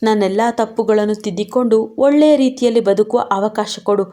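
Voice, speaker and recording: A woman's voice: medium pitch, a little fast, dark tone, lightly acted. A woman voicing a remorseful young husband who tenderly begs his wife to come back. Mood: pleading. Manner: tender, coaxing.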